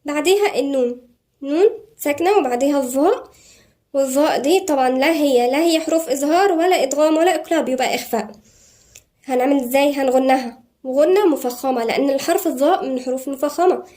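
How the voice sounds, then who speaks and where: A high-voiced Egyptian woman teaching Quran recitation rules, her tone dark and mellow. She explains briskly, then slows down to chant each word in a stretched, careful model. Her manner is that of a patient tajweed teacher. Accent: Egyptian Arabic. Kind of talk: tajweed lesson.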